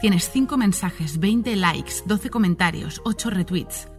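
A woman reads a scripted segment in a steady, listing rhythm. Her voice is mid-pitched, and faint music plays underneath. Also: slow. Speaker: narrator. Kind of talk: scripted narration.

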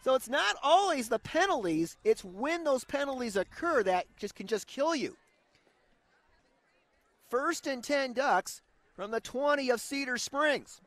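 High-pitched American man calling football, building to touchdowns. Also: a little slow. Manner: excited touchdown call, voice rising as the play breaks open. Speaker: play-by-play radio announcer. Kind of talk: live American football commentary. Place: live at an outdoor high school stadium.

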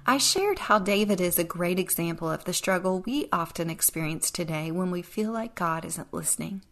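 A woman's voice: on the low side, moderate pace, fairly bright tone. A woman hosting a devotional podcast, teaching in an earnest, reflective way with a touch of dry sarcasm. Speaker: podcast host.

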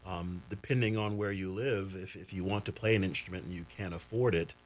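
Deep-voiced man, measured and earnest. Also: slight background noise. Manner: measured, with frequent fillers and restarts. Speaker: guest, assistant choir conductor. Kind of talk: radio conversation.

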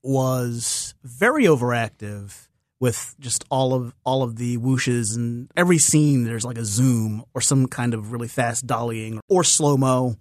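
A man hosting a podcast, talking about a movie in an animated, opinionated way and laughing easily. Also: mid-range voice, measured pace, no echo, clean studio sound. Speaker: podcast host. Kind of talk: casual film discussion.

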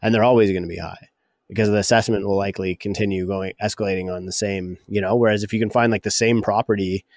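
Canadian guy podcast host, kinda low voice, rambly casual explaining, very dry sound. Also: steady tone, fast talker, no echo. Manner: rambling, self-interrupting explainer. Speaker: podcast co-host, real estate broker.

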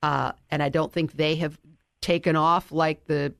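A man's voice: a little high, flat delivery, measured pace, gravelly, a bit bright, clean tone, no room sound, studio quality. A man hosting a radio interview, affirming his guest and encouraging listeners. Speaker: radio show host.

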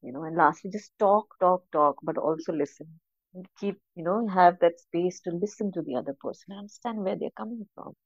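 A woman's voice: fairly low pitch, brisk, dry recording. Earnest Indian woman, slightly muffled dry recording. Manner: earnest, emphatic, mixes in Hindi phrases. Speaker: podcast guest. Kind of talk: casual conversational advice.

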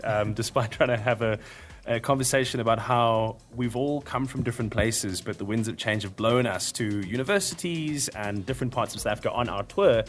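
A man conducts an interview, asking long and casual questions that wander. Faint music plays beneath his voice. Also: medium pitch.

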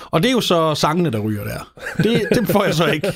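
A man's voice: fairly high pitch, big pitch swings, a crowd in the background. A man from Denmark hosting a podcast, chatting with playful, ranting exaggeration. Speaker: podcast host. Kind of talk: comedic casual chat.

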